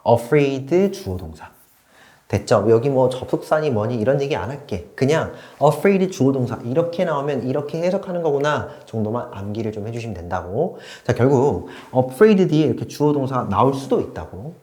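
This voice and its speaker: Male grammar teacher at a whiteboard, animated and chatty, checking in with students; roomy sound. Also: mid-range voice, normal speed. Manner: lively, switches between polite and casual speech, asks learners if they follow. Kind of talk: online grammar lecture.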